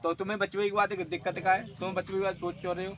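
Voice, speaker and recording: High-voiced man giving firm spiritual advice. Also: little pitch movement, fast talker, a bit bright. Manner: assertive, repeats "guarantee" and checks "ठीक है?". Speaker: faith healer at a shrine. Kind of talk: advising a visitor.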